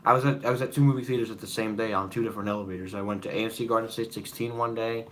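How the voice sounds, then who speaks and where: A man's voice: lowish voice, fairly even intonation, very fast, fairly bright tone, a little hiss or hum. A young man hosting a casual live-stream Q&A, rambling with many fillers and apologies. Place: room at home with noise behind.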